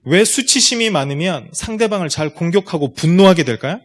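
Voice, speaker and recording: Speaking briskly and expressively in a high register, a man lectures a room of parents at a school. He lays out his points one step at a time and puts rhetorical questions straight to his listeners.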